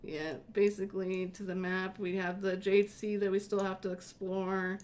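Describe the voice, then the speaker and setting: A woman's voice: mid-range voice, flat delivery, normal speed, darkish tone. A woman hosting a casual chat, talking loosely with lots of fillers and restarts. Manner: rambling, many fillers and restarts. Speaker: host.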